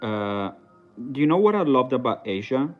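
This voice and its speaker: A man's voice: medium pitch, sing-song, moderate pace, phone-quality sound, soft background music. A man from Italy, talking casually on a livestream in a hesitant, rambling way full of fillers and restarts. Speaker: livestream host.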